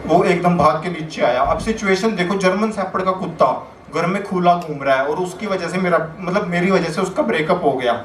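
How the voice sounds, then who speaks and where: A man's voice: sits high, brisk, few pauses, a bit bright, slight background noise. A young man performing stand-up comedy, telling stories in a chatty, anecdotal way that builds to punchlines. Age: young adult. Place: comedy stage. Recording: echoey room, voice picked up from a distance.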